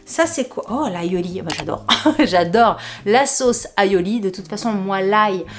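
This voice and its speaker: A woman vlogger talks her viewers through a food box in a loose, rambling way. She laughs often and her voice leaps upward whenever something catches her eye. Her pitch sits in a middle range at an ordinary pace. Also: lively intonation, unhurried. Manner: chatty and rambling, laughing often, voice jumping up in surprise. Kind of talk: casual unboxing chat to camera.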